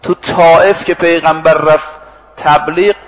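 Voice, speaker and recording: A man giving a sermon, telling stories vividly, acting out the quoted dialogue, and slowly chanting scripture and verse. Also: a little high, highs cut off. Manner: lively storytelling that acts out quoted exchanges and chants scripture and verse. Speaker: preacher. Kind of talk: storytelling sermon.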